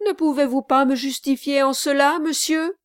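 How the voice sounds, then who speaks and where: A woman reading an audiobook aloud, voicing an honest young male servant who pleads loudly and anguished. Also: sits high, steady tone, moderate pace, no room sound, studio quality, pitched above the performer's own voice, lightly acted. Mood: urgent.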